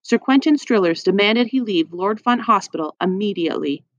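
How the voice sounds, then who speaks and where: A woman's voice: medium pitch, lively intonation, moderate pace, no room sound, lightly acted. Woman doing a mean sneery matron, cold and nasty, dry muffled recording. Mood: scornful. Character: cruel, spiteful woman hospital matron.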